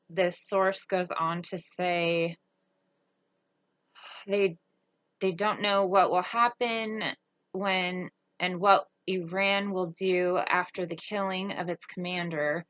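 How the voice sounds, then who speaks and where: Indignant woman, bright voice. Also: lowish voice. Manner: indignant, reads quotes aloud, frequent fillers. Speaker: political commentary host. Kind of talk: casual political commentary.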